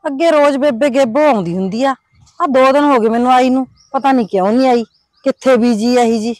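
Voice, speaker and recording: Woman acting headman's wife, Punjabi accent, high voice, dry close sound, fretful. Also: brisk, a little mellow, no room sound, close to an everyday voice. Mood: worried. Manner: worried, complaining. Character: village headman's worried wife, dutiful woman. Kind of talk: village comedy drama.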